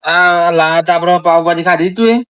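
High-voiced Gujarati man, teasing. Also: brisk, fairly bright tone, clear, resonant tone, dry recording, clean studio sound. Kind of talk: amateur comedy skit acting.

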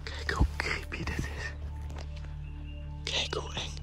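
A man whispers uneasily while hiding, as if vlogging an exploration. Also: takes it slowly. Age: 20s. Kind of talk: hushed exploration vlog. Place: abandoned building and nearby woods. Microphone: handheld camera at arm's length. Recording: music under whispered speech.

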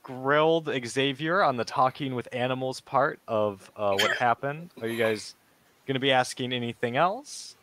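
A man narrating as game master in a tabletop game, relaxed and rambling. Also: mid-range voice, moderate pace, a little hiss or hum.

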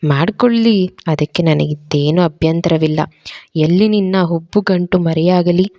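Woman narrator voices a biting, sarcastic aging father; low, mellow tone. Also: measured pace, no echo, dull audio. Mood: teasing.

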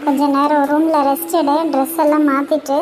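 A woman's voice: high voice, level tone, a little fast, music in the background, close to an everyday voice. Woman as a doting, fussing mother-in-law. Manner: gentle, fussing.

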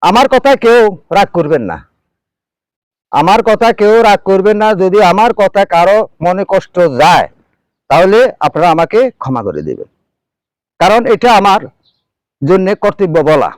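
Speaking in a high, sing-song voice at a moderate pace with frequent pauses, a middle-aged Bangladeshi farmer pleads earnestly with his viewers, repeating his main points. The rough recording has no echo.

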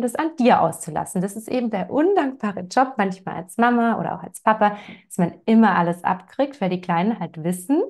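A woman's voice: medium pitch, darkish tone. A woman working as a parenting coach, answering parents' questions in a direct, reassuring way and speaking to them by name.

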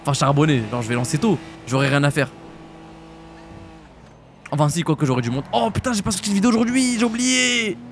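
A young French man streaming a roleplay game, chatting casually in slang and jumping into high shouts. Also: fairly even intonation, slight background noise. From France. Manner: casual slangy banter, quick jumps to high-pitched shouts. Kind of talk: live-stream roleplay chat.

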